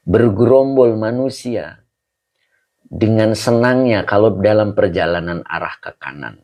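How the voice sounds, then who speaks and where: A man's voice: low-pitched, darkish tone. A man teaching a Quran study class, explaining Arabic grammar step by step and correcting his own slips as he goes.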